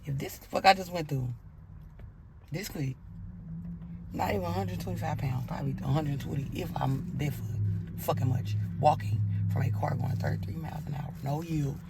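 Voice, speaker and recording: A woman's voice: sits low, moderate pace, vocal fry, very noisy. A woman telling a personal story in a blunt, profane way, acting out her own angry outbursts as she goes.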